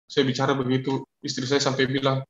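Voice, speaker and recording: A man's voice: medium pitch, monotone, fast talker, a little hiss or hum. A man giving an earnest, confessional personal testimony, often repeating himself. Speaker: testimony speaker. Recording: echoey, dull lo-fi audio.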